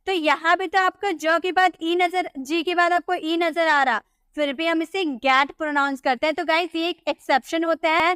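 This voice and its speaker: High-voiced woman teaching patiently. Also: fairly bright tone, dry recording, clean studio sound. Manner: patient, repeats words slowly with rhetorical questions. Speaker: English pronunciation teacher. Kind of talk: Hindi-language tutorial explaining rules.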